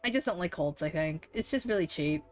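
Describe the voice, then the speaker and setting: A woman's voice: fairly low pitch, animated, a little fast, soft background music. A young woman casually commenting while streaming a game, chatty and full of fillers, laughing and swearing.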